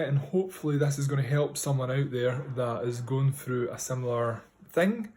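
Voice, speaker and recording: A man's voice: medium pitch, a little mellow. Man with a broad Scottish accent. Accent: strong Scottish. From Scotland. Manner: speaking carefully to be understood. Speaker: vlogger. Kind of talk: casual personal video diary.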